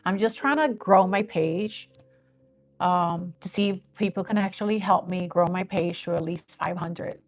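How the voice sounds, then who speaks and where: A woman in her fifties chats casually but earnestly on a live stream, rambling a bit as she discusses growing her page. Her voice sits lowish and her pace is measured.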